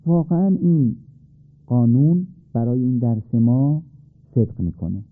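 On a radio lesson in Quran recitation, a man with an expressive, mid-range voice teaches politely and patiently, posing questions to listeners and answering them himself. The recording is dry and tinny, like a phone, with faint music behind.

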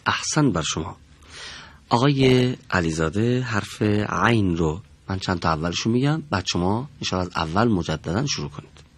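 A man teaching the pronunciation of Quranic letters in a studio, demonstrating sounds slowly and carefully. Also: low-pitched, lively intonation, breathy edge.

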